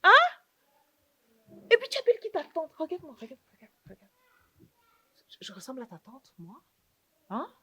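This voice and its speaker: A woman's voice: sits high, huge pitch swings, moderate pace, pauses often, fairly bright tone, breathy edge, no echo, heavily acted. A young woman playing a sassy, scheming younger aunt in a sitcom, needling everyone with rhetorical questions and repeated "hein". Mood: mocking. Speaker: sitcom actress. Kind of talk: comedic sitcom acting.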